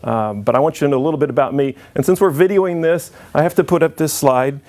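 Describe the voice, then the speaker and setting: Quick and a little mellow, this middle-aged man's voice sits on the high side as he gives a casual talk at a conference. He keeps things friendly with jokes, though he frequently starts sentences over.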